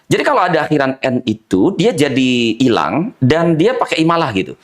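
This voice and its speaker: A man's voice: fairly high pitch, brisk. A man, a Quran recitation teacher, telling teaching stories in a casual conversation and imitating his students' mispronunciations. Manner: animated, mimics students' mispronunciations, laughs often.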